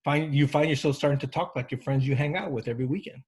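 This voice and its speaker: Man, husky voice, counseling instructor, informal classroom lecture, loose and conversational. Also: mid-range voice, fast talker, darkish tone. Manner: conversational, checks in with "okay?"; informal, with frequent restarts and fillers.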